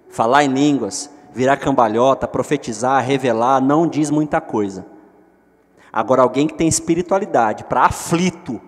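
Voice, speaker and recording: A man preaching a sermon to his congregation, swinging from soft, conversational asides to loud, emotional pleading. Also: medium pitch, slightly rough. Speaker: pastor. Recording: long hall reverb.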